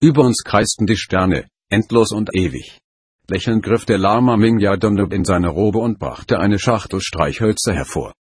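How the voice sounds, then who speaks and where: A man narrating an audiobook in a steady, even manner. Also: fairly low pitch, moderate pace, slightly rough, no room sound, studio quality. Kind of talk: audiobook reading.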